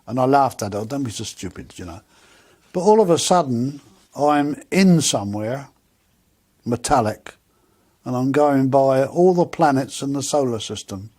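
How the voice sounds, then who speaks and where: A man's voice: mid-range voice, measured pace. Older man telling a story. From England. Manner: animated, acts out dialogue. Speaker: UFO contactee. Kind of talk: personal storytelling.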